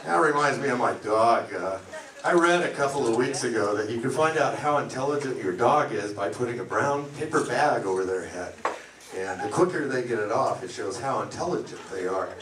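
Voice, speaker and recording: A middle-aged man doing a stand-up comedy set, delivering deadpan one-liners. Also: medium pitch, a little fast, distant mic. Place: comedy club lounge. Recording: echoey club, mic heard from afar, loud noise. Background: audience laughter.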